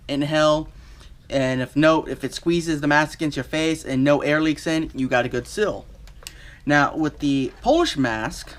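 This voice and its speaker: A man giving a casual, unscripted product review in a halting, think-aloud way. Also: fairly high pitch, a bit bright.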